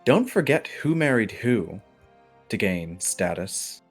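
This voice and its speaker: Brief: scornful noblewoman mother in a tabletop game, raised and loud, played by a man. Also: lowish voice, big pitch swings, slow pace, slightly rough, soft background music, pitched above the performer's own voice, full character voice. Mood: cutting. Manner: scornful, cutting. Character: haughty scheming noblewoman mother.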